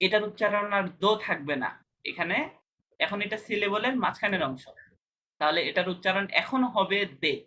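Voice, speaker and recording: A man's voice: sits high, normal speed, sharp tone. A man teaching a language class, patiently explaining pronunciation step by step and checking whether students understand.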